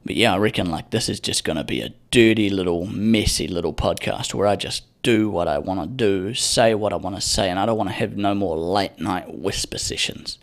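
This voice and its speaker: This young podcast host has a deep voice with vocal fry and talks briskly, barely pausing at all. His solo rant into the microphone is casual, profane, rambling, and sardonic.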